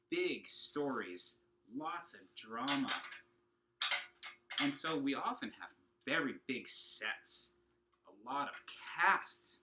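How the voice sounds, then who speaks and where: At home, a children's singing and opera teacher gives an upbeat, encouraging lesson, speaking directly to the kids and asking them questions. His medium-pitched voice is bright and forceful, with a little hiss or hum in the audio.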